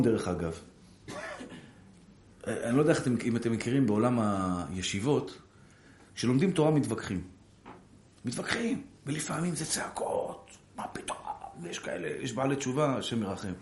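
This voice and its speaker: A rabbi preaching to an audience about marriage, acting out little dialogues between spouses in changing voices. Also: male voice, medium pitch, roomy sound. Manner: animated, acts out short dialogues with shifting voices. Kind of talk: sermon on marriage.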